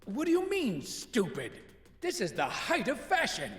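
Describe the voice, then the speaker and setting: A man voicing a vain, excitable, flamboyant young thief in a video game. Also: extremely high pitch, measured pace, soft background music, heavily acted. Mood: indignant.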